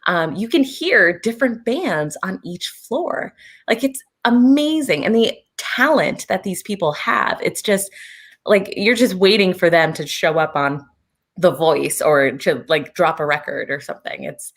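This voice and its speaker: Hoarse, raspy woman chatting on a video call. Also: fairly low pitch, expressive, unhurried. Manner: chatty, many fillers. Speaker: travel advisor. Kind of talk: casual online presentation.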